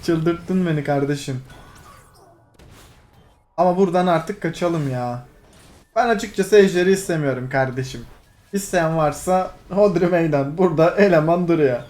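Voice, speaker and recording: High-voiced excitable young man gaming. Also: normal speed, long pauses. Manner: excitable, teasing, shouts at teammates and laughs. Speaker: gaming streamer. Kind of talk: live gameplay commentary.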